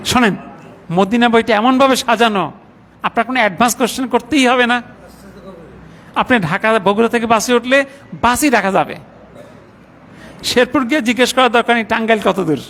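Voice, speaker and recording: A middle-aged man teaching a grammar class in a mosque, patiently reciting word forms slowly one by one. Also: very high-pitched, a bit bright. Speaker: Arabic teacher.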